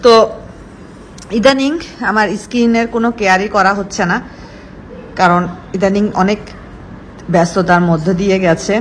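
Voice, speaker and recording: A woman's voice: mid-range voice, fairly even intonation, moderate pace, pauses often, low-quality recording. Young woman, chatty vlogger, home kitchen, faint background noise. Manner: chatty, talks to viewers and to her husband off camera. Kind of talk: casual grocery haul vlog.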